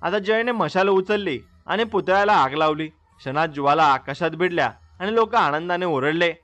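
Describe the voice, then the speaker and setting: A man's voice: sits high, normal speed, fairly bright tone. A man narrating a devotional story in a dramatic, scripted storyteller style.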